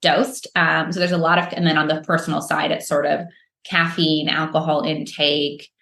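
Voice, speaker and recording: This microdosing entrepreneur from the United States appears as a podcast guest, answering casually and often restarting or using fillers. Her low voice is level, bright, and forceful with vocal fry, at a moderate pace, and the room echoes.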